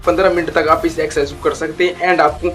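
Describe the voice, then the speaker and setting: Speaking quickly with a flat delivery, a young man with a fairly high, fairly bright voice explains voice training tips as a YouTube tutor. He is casual and instructive, repeats his points, and mixes in English phrases, while faint music sits behind him.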